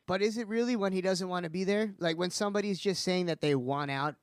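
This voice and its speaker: High-voiced man hosting a radio show. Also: fast talker, no room sound, studio quality. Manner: talks smoothly, ends segments with radio-style sign-offs. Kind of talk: casual sports chat.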